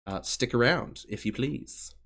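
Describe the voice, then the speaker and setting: A man's voice: medium pitch, measured pace, vocal fry, fairly bright tone. A young man running a tabletop game on a live stream, casual with many fillers. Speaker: game master.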